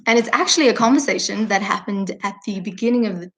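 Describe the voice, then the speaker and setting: A woman's voice: mid-range voice, fast, a bit bright, slight background noise. A woman teaching a lesson by retelling an old story in a chatty, informal way with frequent fillers.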